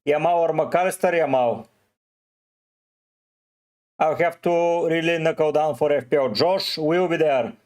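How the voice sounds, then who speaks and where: A man from Bulgaria with a Bulgarian accent, live streaming and slowly answering viewers' questions one by one. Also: a little high, a little mellow. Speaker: fantasy football streamer. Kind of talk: live stream chat, reading comments.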